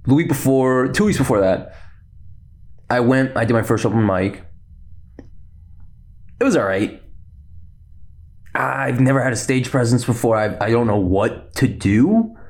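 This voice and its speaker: A young man hosting a casual solo podcast, rambling quickly and laughing often. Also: medium pitch, a little mellow. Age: young adult. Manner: rambling and fast-talking, with frequent laughs. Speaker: podcast host.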